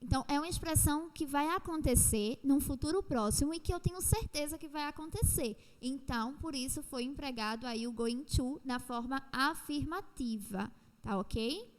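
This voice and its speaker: A woman with a Brazilian Portuguese accent explaining an English lesson step by step, repeating points and slowing down on the examples. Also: high voice, lively intonation, big-room sound. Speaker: teacher. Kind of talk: recorded online lesson.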